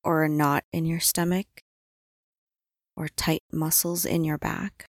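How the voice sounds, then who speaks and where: A woman guiding a relaxing body-scan meditation in calm, soothing instructions with long pauses. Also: deep voice, no room sound, clean studio sound. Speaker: meditation guide.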